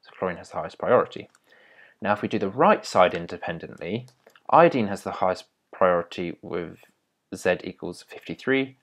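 A young man teaching chemistry step by step in a patient, explaining way, with small restarts. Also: low voice. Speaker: chemistry tutor. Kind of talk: explaining at a whiteboard.

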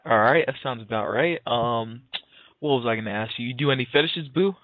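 A man in his early twenties makes a prank phone call, acting sincere while sounding casual, slangy and hesitant. His mid-range voice moves fairly quickly over a narrow, tinny phone line with a little hiss or hum.

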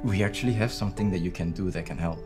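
A low male voice from an actor plays a calm, helpful career coach. He explains things in a reassuring way, in naturalistic drama style. Music is clearly heard underneath. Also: fast talker, lightly acted. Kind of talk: naturalistic screen drama acting.

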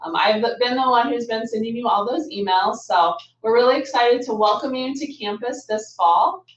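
Picked up from a distance, this recording sounds muffled and roomy as a young woman hosts a webinar for international affairs staff. She speaks at a normal pace in a slightly high voice, staying friendly and upbeat while filling her speech with frequent "um"s.

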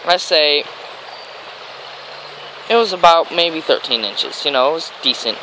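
Speaking at a measured pace in a slightly high, expressive voice, an American fishing vlogger gives rambling, enthusiastic narration. The casual video was shot on a grassy riverbank with a handheld camera mic, so stream and traffic sounds come through.

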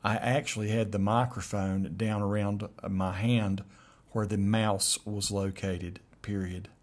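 A middle-aged man with an Appalachian accent, talking casually and deliberately as he demonstrates software. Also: fairly low pitch, level tone. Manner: deliberate, spelling out punctuation while dictating. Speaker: software reviewer. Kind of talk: dictation test with casual commentary. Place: room at home, indoors.

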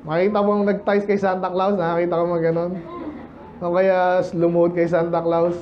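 A man with a high-pitched voice preaches to his congregation in a loose, conversational way, throwing questions at the listeners. The recording sounds dull and lo-fi, with a faint hiss underneath. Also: little pitch movement, brisk. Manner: conversational, quizzes the congregation, mixes in English. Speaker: pastor. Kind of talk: sermon. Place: church service.

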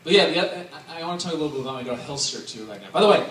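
A man in his thirties gives a joking best man's toast in a large indoor wedding tent with a dance floor, his voice a little high, expressive, and rapid-fire as he chats and laughs between lines to the crowd. He uses a handheld mic played through speakers, filmed from afar, so the tent sounds echoey and distant. Loud crowd noise fills the recording as wedding guests laugh and cheer.

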